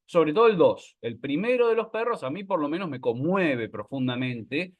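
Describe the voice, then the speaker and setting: A man with an Argentine accent giving a relaxed online literature lecture, often checking in with his students by asking "right?". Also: on the high side, normal speed, phone-quality sound. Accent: Argentine Spanish. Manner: conversational, frequent tag questions. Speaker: literature teacher. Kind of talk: virtual class lecture.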